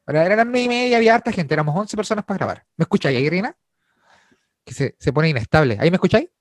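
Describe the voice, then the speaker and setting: A young Chilean man telling a story in a casual chat, animated, laughing and full of slang. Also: high voice, very fast, no room sound. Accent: Chilean Spanish.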